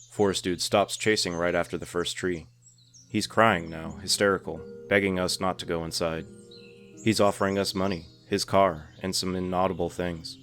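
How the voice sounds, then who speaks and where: A man calmly narrating a scripted horror story in an unhurried storytelling manner. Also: deep voice. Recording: narration over clear background music.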